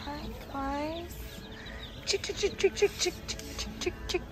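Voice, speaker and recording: A woman's voice: very high-pitched, a little slow, loud music behind the voice. A woman in her thirties chatting to viewers on a casual travel vlog, filmed on a phone held at arm's length in a car and then in a store. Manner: chatty, addressing viewers as you guys. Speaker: vlogger. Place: in a car, then inside a farm supply store.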